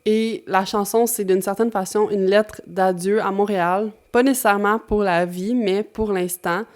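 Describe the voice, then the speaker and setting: A woman's voice: medium pitch, fairly even intonation, normal speed. Chatty Québécois woman vlogging. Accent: Québécois French. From Quebec. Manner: chatty, conversational, with slang asides. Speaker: YouTuber host. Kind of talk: casual vlog narration.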